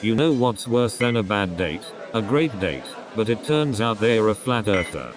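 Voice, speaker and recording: A man with a slightly low voice runs through a stand-up comedy set, firing off deadpan one-liners. Loud crowd laughter rolls in behind him between jokes. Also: normal speed. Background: audience laughter.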